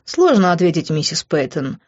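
A woman voicing a smug, possessive young man who jokes in a slightly lowered voice. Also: sing-song, moderate pace, a little mellow, dull audio. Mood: smug, jovial.

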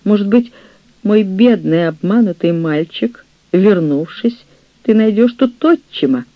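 Man putting on a shrill scheming old nurse. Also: lively intonation, a little slow, no echo, dull audio. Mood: mournful. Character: older woman, scheming jealous nurse, ensign's widow.

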